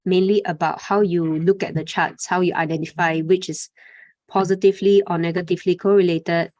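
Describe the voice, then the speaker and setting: Woman, lowish voice, trading webinar instructor, casual with filler words, dry close mic. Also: fairly even intonation, fairly quick, darkish tone, no room sound, lo-fi sound. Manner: conversational, frequent "okay" and "right?" tags, fillers. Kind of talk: live webinar presentation.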